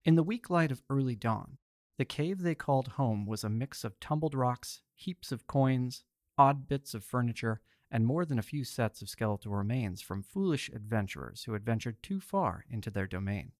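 A man's voice: mid-range voice, lively intonation, normal speed, no room sound, clean studio sound. A man hosting and narrating an audio story collection in a theatrical storyteller manner. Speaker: host and narrator.

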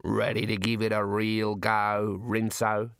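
A man's voice: on the low side, completely flat delivery, unhurried, creaky, a bit bright, clean tone, no echo, clean studio sound. A man voicing a blunt, suspicious male sheep shearer who drawls. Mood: gruff.

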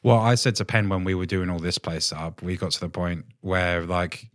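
A man with a very low voice hosts a relaxed podcast chat, rambling and restarting as he goes and swearing casually. The sound is dry and close, with no room around it. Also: moderate pace, no room sound. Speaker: podcast host, tattooer.

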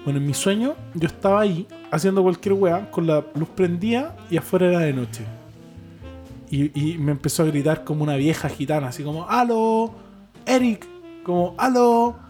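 A man's voice: fairly high pitch, brisk, a little mellow, soft background music. A young man with a Chilean accent, co-hosting a casual podcast and telling rambling, slangy stories with frequent laughs. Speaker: podcast co-host. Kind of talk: casual chat. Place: home living room.

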